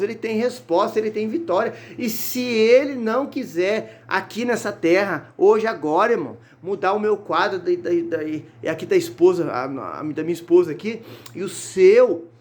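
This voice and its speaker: Fervent high-voiced male preacher. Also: brisk. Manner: fervent, calls out hallelujah and brothers often; repeats words and restarts while reading. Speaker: evangelist preaching on a Bible chapter. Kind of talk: sermon with Bible reading. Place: church sanctuary.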